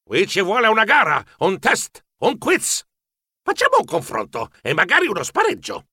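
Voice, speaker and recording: Guy doing a high lively smug pirate cat, sly and gloating, dry sound. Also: no echo, exaggerated voice. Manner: smug, mocking, rapid-fire questioning. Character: sly boastful male pirate cat posing as mouse.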